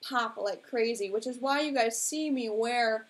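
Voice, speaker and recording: Chatty young woman, slightly high voice. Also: unhurried. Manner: chatty and rambling, heavy use of "like". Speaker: beauty vlogger hosting a live stream. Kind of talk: casual live-stream chat about makeup.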